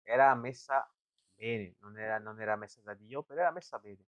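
A man's voice: fairly low pitch, moderate pace, fairly bright tone, no echo. A man hosting a casual live-stream chat, asking probing hypothetical questions. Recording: dull, dry lo-fi mic.

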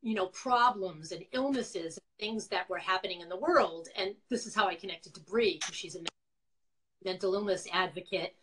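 A woman's voice: mid-range voice, normal speed, fairly bright tone, breathy edge, low-quality recording. Middle-aged female guest, Boston accent, chatty and self-joking, mid-range voice, informal storytelling on a video call. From Quincy, Massachusetts, USA. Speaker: interview guest, former nonprofit founder. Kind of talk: casual chat, telling personal story.

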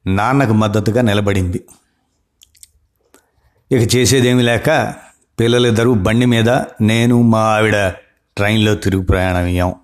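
A man telling a family story in the first person, dramatic, voicing the people in it. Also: medium pitch. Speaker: narrator. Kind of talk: storytelling narration.

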